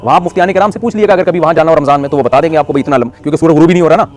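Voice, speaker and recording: A middle-aged man delivering a sermon, animated and joking, asking the audience questions. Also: on the high side, very fast. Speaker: preacher.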